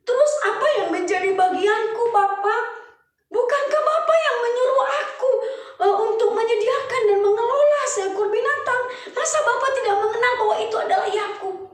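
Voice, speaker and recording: A woman voicing Esau, a grown son who wails high and sobs as he pleads for his father's blessing. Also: moderate pace. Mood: pleading. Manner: wailing, high and sobbing. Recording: echoey hall, mic far off.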